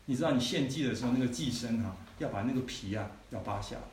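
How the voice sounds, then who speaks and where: A man's voice: medium pitch, fast, darkish tone. A man preaching a testimony in a conversational storytelling way, often turning to the listeners with asides. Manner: conversational storytelling, frequent "you know" asides. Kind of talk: sermon testimony. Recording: echoey hall, mic at a distance, faint noise.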